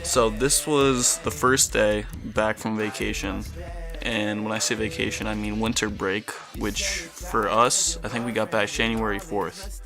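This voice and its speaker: A man's voice: fairly low pitch, steady tone, measured pace, vocal fry, over music. A teenage male telling a casual, rambling story as video commentary, with slang and mild swearing. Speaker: gameplay commentary video creator.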